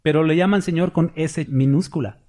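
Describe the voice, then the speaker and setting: This pastor's voice runs on the high side with a darkish tone, and he speaks at normal speed. He preaches conversationally, closing points with quick checks like "¿verdad?" and "¿sí?" to engage the congregation.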